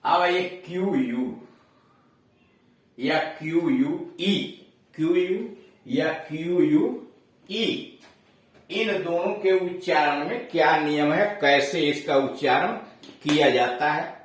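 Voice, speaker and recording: Man, teacher, slow and repetitive, spells out words, fairly high voice, far from mic. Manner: explains slowly, repeats each rule, spells words out letter by letter; checks understanding with quick questions. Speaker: English grammar teacher. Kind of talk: classroom lesson. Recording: echoey room, voice from away from the mic.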